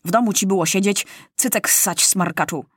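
A woman's voice: medium pitch, normal speed, slightly rough, no echo, natural voice. A cranky middle-aged army doctor, read by a woman, mutters his scolding. The sound is dry and close. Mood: grumbling. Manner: grumbling, muttering.

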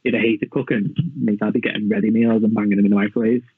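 Male guest, casual and self-deprecating, husky voice, phone-quality audio. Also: on the low side, little pitch movement, very fast, no room sound. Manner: chatty, self-mocking, lots of fillers. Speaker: podcast guest, personal training client. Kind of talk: casual chat. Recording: tinny phone-like line, dry.

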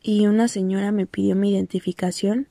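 A woman's voice: mid-range voice, flat delivery, fairly quick, gravelly, dark tone, dry recording. A woman from Mexico with a Mexican accent, telling a personal story in a casual monologue, full of fillers and restarts. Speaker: podcast host.

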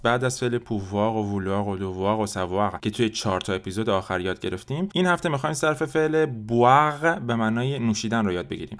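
A man teaching a language lesson. He explains quickly, then slowly repeats drill phrases for listeners to copy. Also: on the low side. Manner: slow, drawn-out repetition of drill phrases. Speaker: French teacher.

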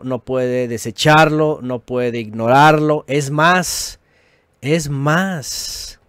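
A middle-aged man with a Mexican Spanish accent hosts a religious teaching stream, talking in a lively, teasing way and laughing with his viewers. His voice sits a little high for a man. The sound is close and dry, with no room echo. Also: clean tone. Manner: animated, mocking imitations of opponents, frequent tag questions; laughs often, joking with viewers. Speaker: religious podcast host. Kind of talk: live-streamed teaching talk with chat.

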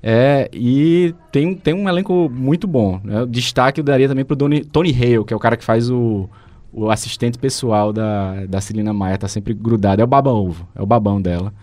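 A man's voice: medium pitch, moderate pace, darkish tone, no echo. A Brazilian man with a Brazilian Portuguese accent, co-hosting a casual chat and recommending a series, often restarting his sentences. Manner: hesitant, frequent restarts and fillers. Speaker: show co-host recommending series.

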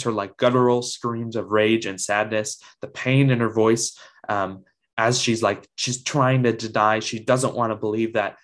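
A man reviewing a TV episode in a casual video, praising it with enthusiasm and lots of ums. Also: medium pitch.

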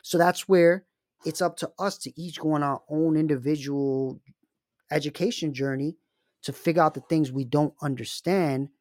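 A man's voice: a little high, a little mellow, dry recording, studio quality. A man hosting a casual personal finance talk, speaking emphatically and turning to the listener with frequent asides. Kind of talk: casual monologue with storytelling.

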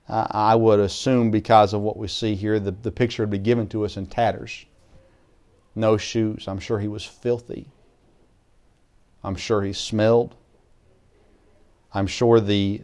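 A man preaching a sermon as a pastor, earnest, with restarts, swinging between loud emphasis and quiet asides. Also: fairly low pitch.

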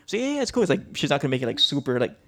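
A man's voice: on the high side, big pitch swings, racing, fairly bright tone. A man co-hosting a casual podcast chat, telling rambling stories with a light tinge, swearing and laughing often as he acts out what people said. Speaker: podcast co-host.

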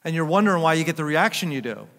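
An older man preaching a sermon as pastor, chatting and joking with his congregation, then rising to loud emphatic peaks. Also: fairly high pitch, lively intonation, rapid-fire, long reverb tail. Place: church sanctuary.

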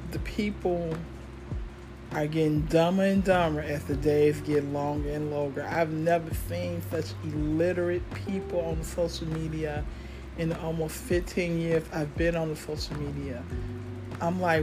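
A woman's voice: deep voice, little pitch movement, measured pace, over music. A middle-aged American woman giving a casual, rambling solo podcast monologue in a blunt, cynical, freely swearing manner. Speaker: podcast host.

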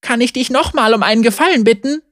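A storybook narrator voicing Zeri, a bold, quick-witted young woman with a cheeky, teasing manner, in a dry, close recording. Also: mid-range voice, dry recording, pitched above the performer's own voice, close to an everyday voice. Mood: determined.

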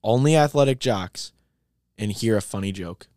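Young male podcast co-host, lively and laughing, dry close sound. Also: fairly low pitch, normal speed, dry recording. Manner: animated, laughing storyteller. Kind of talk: casual chat.

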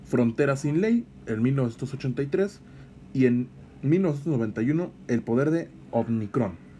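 Lively-pitched, mellow male narrator. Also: normal speed, a little hiss or hum. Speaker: co-host of a lucha libre show. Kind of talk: scripted biographical narration.

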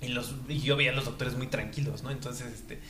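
A young man, chatting as a guest in an interview, halting with many fillers and breaking into laughs. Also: medium pitch, steady tone, echoey room, background noise. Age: young adult. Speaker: guest, new father. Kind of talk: casual interview chat.

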